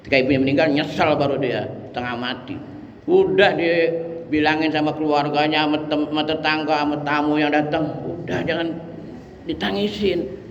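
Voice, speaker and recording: Animated high-voiced old preacher. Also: male voice, normal speed, creaky, slight background noise. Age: 60s. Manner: animated, colloquial and dramatizing. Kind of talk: sermon. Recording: echoey hall, dull sound.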